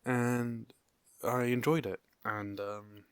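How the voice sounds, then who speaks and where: A man's voice: medium pitch, level tone, slow pace, smooth, no room sound. A young man from England talking casually and out of breath, rambling with lots of fillers and the odd swear word. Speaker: vlogger. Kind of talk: unscripted casual vlog.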